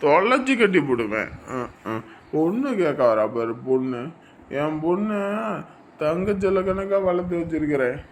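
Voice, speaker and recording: A man's voice: fairly high pitch, very animated, normal speed, a little hiss or hum. An actor playing a drunk father who threatens and drives off a woman asking for his daughter's hand. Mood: threatening. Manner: threatening, shouting down a visitor.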